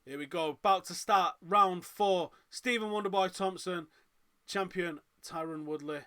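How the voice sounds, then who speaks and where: Speaking at a measured pace with a high pitch and clean tone, a Manchester man hosts a live watchalong of a fight. He chats his way through reactions, reads out what viewers comment, and grows loud and excited at key moments.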